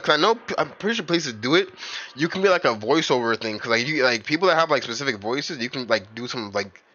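A man's voice: on the high side, bright, forceful tone, no room sound, lo-fi sound. A young man chatting casually with friends during a game stream, rambling with lots of filler and calling them bro. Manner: rambling, filler-heavy, says "bro" and "like" a lot. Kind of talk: casual gaming chat.

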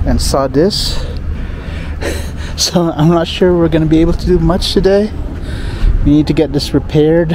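Middle-aged male vlogger chatting loosely to a handheld phone outdoors, heavy wind and traffic noise behind. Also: a little high. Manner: relaxed, rambling, many fillers and restarts. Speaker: travel vlogger. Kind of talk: casual travel vlog to camera. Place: outdoors in a parking lot and by a repair shop. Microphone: phone camera at arm's length. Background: loud outdoor and traffic noise.

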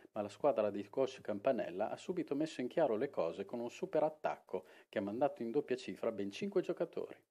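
A man reading a scripted sports news report in a brisk newsreader delivery. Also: mid-range voice, warm tone.

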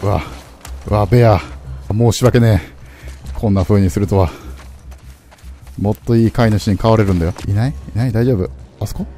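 A man commenting on a game he plays, swinging from low mutters to startled yelps. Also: moderate pace, long pauses. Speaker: game streamer. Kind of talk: excited let's-play commentary. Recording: game music loud behind voice. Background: game sounds and music.

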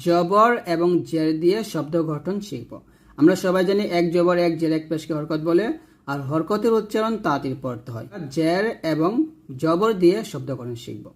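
A man's voice: on the high side, normal speed. A man with a Bangladeshi accent teaching Quran reading, spelling each Arabic letter with its vowel mark and then blending the syllables into words. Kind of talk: slow spelled-out recitation lesson.

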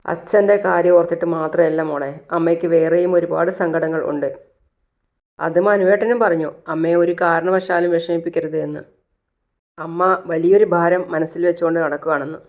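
A woman's voice: fairly low pitch, fairly even intonation, a little fast, darkish tone, lightly acted. A narrator voicing a troubled middle-aged mother who sounds weary and resentful.

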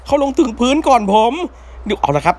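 A young man hosting a gaming channel, giving excited gameplay commentary with loud exclamations and swearing. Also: very high-pitched, quick pace, a little hiss or hum.

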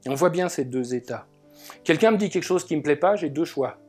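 A man giving a spoken talk about inner life, musing and telling anecdotes, with pauses and filler words. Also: a little high, lively intonation, darkish tone, breathy edge. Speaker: alchemy speaker. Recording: faint guitar music behind.

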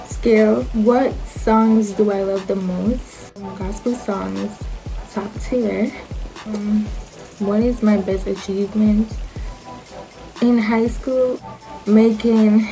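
A woman's voice: medium pitch, dark tone, low-quality recording. A young woman with a Jamaican accent chatting casually and playfully to camera, using slang as she answers questions about herself. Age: young adult.

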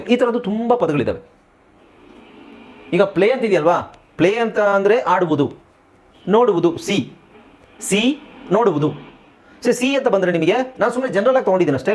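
Teaching English online, a Kannada-accented man with a high, slightly mellow voice goes slowly through word lists before explaining things quickly.

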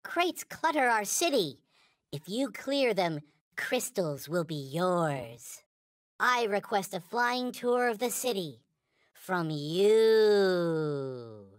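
Little toy Alien, slow and solemn. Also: male voice, sits high, sing-song, clean tone, no echo, clean studio sound, full character voice. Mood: solemn, earnest. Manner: formal, stilted, solemn phrasing with inverted word order. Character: small, polite, earnest three-eyed toy alien. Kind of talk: video game character lines.

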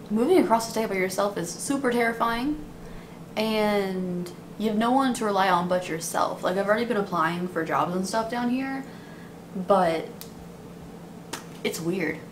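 20s woman kvetching to camera, casual vlog rant, average pitch, pretty noisy room recording. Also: measured pace, pauses often. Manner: kvetching, complaining at length. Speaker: beauty vlogger. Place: small dim apartment room, indoors.

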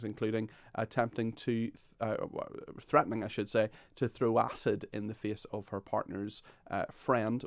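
A man's voice: on the low side, vocal fry, darkish tone, no echo. A man in his thirties hosting a live radio phone-in, polite and often correcting himself, close on a studio microphone. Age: 30s. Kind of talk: live talk radio presenting. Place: small broadcast studio.

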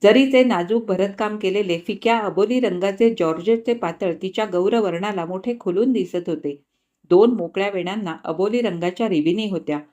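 A woman narrating a novel in a calm, measured storytelling manner. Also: medium pitch. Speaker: audiobook narrator.

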